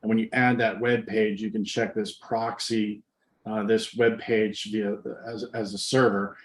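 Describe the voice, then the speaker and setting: Hosting an informal webinar, a man demonstrates software step by step in a conversational way. His fairly low voice is flat and measured, captured by a roomy, echoing microphone.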